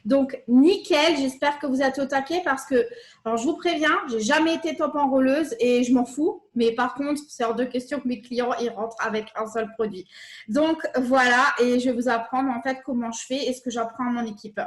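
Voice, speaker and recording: A woman's voice: high voice, moderate pace, roomy sound. A woman with an Alsatian accent from France, giving an enthusiastic, laughing talk as a guest trainer on a video call.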